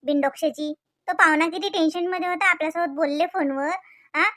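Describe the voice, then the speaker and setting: A woman voicing a sharp-tongued village wife in a cartoon, with an indignant, scolding manner. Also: steady tone, a little fast, no room sound, clean studio sound. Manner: scolding, indignant, high and shrill.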